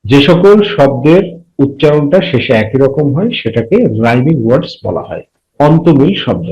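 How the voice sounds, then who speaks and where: A man teaching a primary school English lesson, reading each phrase slowly and translating it line by line. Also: mid-range voice, animated, darkish tone, low-quality recording. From Bangladesh. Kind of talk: bilingual classroom lesson.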